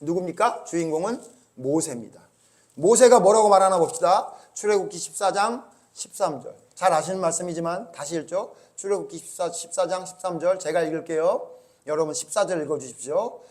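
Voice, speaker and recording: A man's voice: high voice, brisk, a little mellow. A male pastor giving a conversational church sermon, often asking the congregation rhetorical questions. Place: church service.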